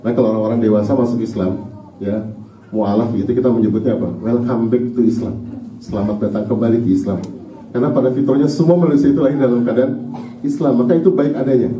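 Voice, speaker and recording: An Indonesian man delivers a chatty, quick-paced lecture on parenting and faith to a roomful of parents. His voice is dark and mellow, and he keeps drawing the audience in with questions. He is picked up from a distance in an echoey mosque hall with faint ambient noise. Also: medium pitch, fairly even intonation. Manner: conversational, often asks the audience "sepakat?". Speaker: Islamic teacher giving a parenting talk.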